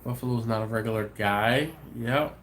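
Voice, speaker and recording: Medium in pitch and fairly bright, a man's voice moves at a normal speed with slight background noise. He's hosting an easygoing livestream, reading and responding to viewer comments in a rambling way, a little congested and sniffly. He thinks out loud with plenty of ums and restarts.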